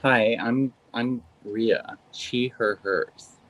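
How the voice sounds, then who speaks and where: A woman's voice: very deep voice, steady tone, very slow, full character voice, rough recording. A woman playing an anxious, apologetic young volunteer. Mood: earnest. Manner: hesitant and apologetic, with frequent "I'm sorry". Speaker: volunteer on a visual-help app call. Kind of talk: stage play performed over video call.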